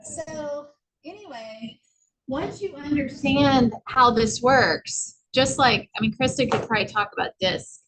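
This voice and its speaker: Woman trainer, slightly high voice, loose rambling delivery, faint background noise. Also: a little slow. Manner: loose and rambling, with many fillers. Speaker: workshop presenter. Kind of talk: casual office training talk.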